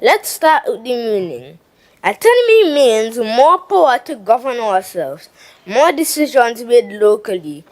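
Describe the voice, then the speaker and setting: A woman's voice: a little high, sing-song, a little slow. A woman reads a persuasive speech in an assembly chamber, posing rhetorical questions. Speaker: youth assembly member. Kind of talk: read parliamentary speech.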